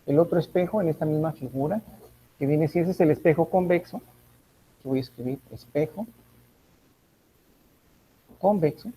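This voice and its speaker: A man with a Mexican Spanish accent teaches a physics class online, thinking aloud, correcting himself, and checking in with his students. His voice sits on the high side with a dark, breathy tone, and the recording is rough.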